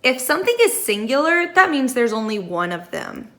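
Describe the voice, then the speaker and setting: A young woman teaching phonics to first graders, slowly sounding out letters and words and praising the class. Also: a little high, sing-song, fairly bright tone. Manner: encouraging praise. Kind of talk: phonics lesson for young children.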